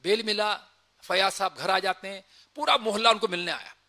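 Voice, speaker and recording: Bright, high-voiced man telling a story. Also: normal speed. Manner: acts out dialogue in lively retelling. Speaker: army officer sharing experience. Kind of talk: storytelling talk.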